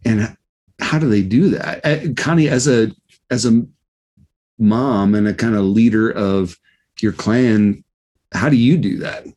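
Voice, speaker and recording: A man hosting a casual interview, talking in a halting, reflective way with many restarts. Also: lowish voice, a little mellow. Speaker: podcast host.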